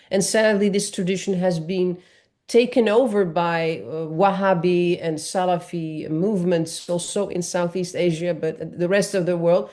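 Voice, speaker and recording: Woman, earnest panel speaker, low voice. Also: darkish tone. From Morocco. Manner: earnest, explanatory, with frequent restarts. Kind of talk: panel discussion.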